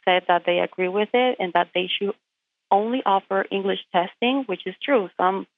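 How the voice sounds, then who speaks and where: A truck driver from Puerto Rico, Spanish her first language, speaks as an interview guest by phone in a mid-range voice at a moderate pace. The connection is tinny. She argues plainly and emphatically, often turning to rhetorical questions.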